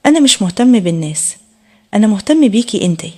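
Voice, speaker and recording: A soft, earnest young man of twenty-three with an Egyptian Arabic accent, voiced by a woman reading a storybook. He talks quickly and pleadingly, and the voice has a husky, breathy edge. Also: mid-range voice, animated. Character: gentle shy young man of 23.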